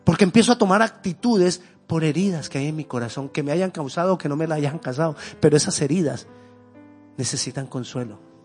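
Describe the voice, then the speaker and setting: A man preaching a sermon, moving between loud fervent rises and hushed, intimate lows, sometimes slipping into a conversational story. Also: brisk, husky, faint music behind. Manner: tells a homely story in a conversational way.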